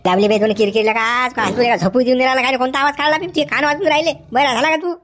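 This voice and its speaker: A man's voice: extremely high pitch, racing, a bit bright. A man with a Varhadi Marathi accent playing a quarrelsome village farmhand in a comedy sketch, talking in rustic banter. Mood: grumbling. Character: bickering sleepy village farmhand, male. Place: outdoors in a village field.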